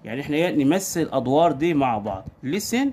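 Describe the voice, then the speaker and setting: A man with an Egyptian Arabic accent tutors his young daughter at home. He drills her patiently, prompting her with one question after another. His fairly high voice rises and falls in a lively sing-song. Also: rapid-fire, a little hiss or hum. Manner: patient drilling with constant call-and-response questions. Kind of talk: home English lesson for a young child.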